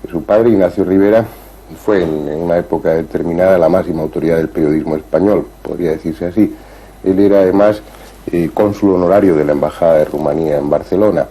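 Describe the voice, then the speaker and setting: A man hosting an interview, asking questions and narrating in a calm, thoughtful way. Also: low voice, quick pace, slightly rough, rough recording. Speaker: interviewer and host.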